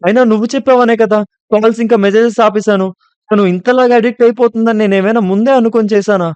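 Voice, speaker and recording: A man's voice: sits high, fairly even intonation, fast talker, darkish tone, clear, resonant tone, no echo, lo-fi sound, voice pushed up, lightly acted. A man voicing a guilt-stricken young college woman who cries while defending herself. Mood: tearful, defensive.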